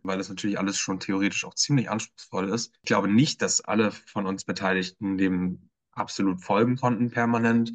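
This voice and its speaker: A man on an editorial team gives a casual spoken review of a performance in a voice on the low side, sounding hesitant and using lots of filler sounds.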